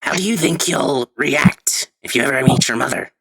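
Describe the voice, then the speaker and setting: A man playing a husky, gravelly, reflective adventurer. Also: medium pitch, moderate pace, fairly bright tone, no echo, poor audio. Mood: thoughtful, concerned.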